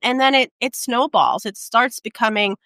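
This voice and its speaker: A woman in her forties, a travel advisor raised in Portugal, telling her career story in a relaxed interview with many "um"s and tag questions. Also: fairly high pitch, normal speed, no room sound. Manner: reflective, storytelling, frequent "um" and "right?". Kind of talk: conversational interview.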